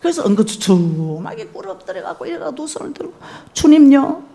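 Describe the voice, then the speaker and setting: A woman's voice: sits high, sing-song, fast, gravelly, mellow. A woman in her sixties with a Gyeongsang accent, an evangelist telling a testimony in a sermon and acting out her own prayers. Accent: Gyeongsang Korean. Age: 60s. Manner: storytelling, acts out her own prayers, rising to tearful cries. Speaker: evangelist preacher.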